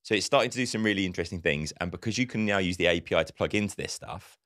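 A podcast co-host chats about marketing in an easy, conversational way, talking very fast in a very low, deep voice. He's an animated storyteller who livens things up by acting out quotes.

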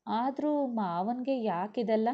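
A woman's voice: on the high side, animated, takes it slowly. A woman voicing an earnest young woman who speaks tenderly about her father. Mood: heartfelt. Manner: heartfelt, tender. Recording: dull lo-fi recording.

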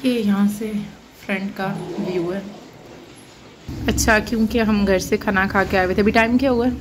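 A woman's voice: mid-range voice, fairly even intonation, moderate pace. Chatty Pakistani woman vlogging in a noisy market. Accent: Punjabi Urdu. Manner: chatty, asks shopkeeper questions, says matlab often. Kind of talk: casual food vlog narration. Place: outdoors in a busy market street and small shop. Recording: phone audio with loud street noise.

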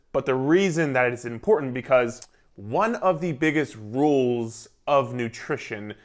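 A man in his thirties, a nutrition coach, giving an energetic, emphatic talk to the camera from his living room on a lapel mic. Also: mid-range voice. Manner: energetic, emphatic, gestures a lot while talking. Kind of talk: casual instructional talk to camera. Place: living room indoors, beside a whiteboard.

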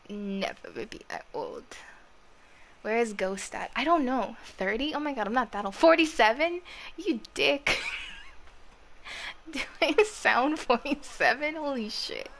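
A woman's voice: a little high, animated, slow pace, pauses often, fairly bright tone, slight background noise. Young-sounding woman streamer, swears a lot. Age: 20s. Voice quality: youthful, girlish-sounding voice. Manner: swears freely and chats with viewers. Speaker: livestreamer. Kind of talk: casual live-stream chat while gaming.

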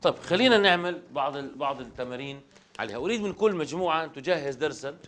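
A man teaching a Quran recitation class, asking the students quick questions in a conversational way. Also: on the high side, expressive, fairly bright tone.

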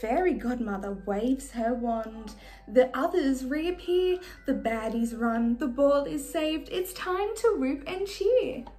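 A young woman playing a sweet, gracious fairy-tale princess, reading in an animated, sing-song way for small children. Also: high voice, takes it slowly. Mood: sweet storytelling. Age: young adult. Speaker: children's party entertainer reading a storybook. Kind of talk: children's storybook reading in character. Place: small decorated room indoors. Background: music.

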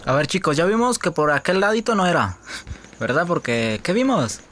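A young man with a Mexican accent giving casual gameplay commentary, joking, swearing freely, laughing often and breaking into sudden high-pitched yelps. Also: very animated, moderate pace, music in the background. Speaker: gaming YouTuber.

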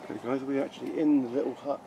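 A man's voice: mid-range voice, steady tone, very fast, gravelly, muffled recording, noisy background. A man chatting casually as a vlog companion, rambling and repeating words, picked up outdoors by a handheld camera. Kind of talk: casual chat. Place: outdoors in woods and open field at night. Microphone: camera mic, handheld.

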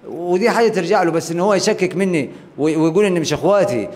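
A man's voice: high voice, racing, a little mellow. A man with an Upper Egyptian accent speaking earnestly and insistently as an interviewee. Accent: Upper Egyptian Arabic. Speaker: interviewee, brother of a singer.

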